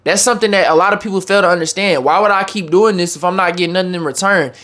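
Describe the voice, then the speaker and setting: A man's voice: sits high, quick pace, a bit bright. A man giving an informal, slangy motivational talk to viewers, driving points home with emphatic repetition. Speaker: YouTuber.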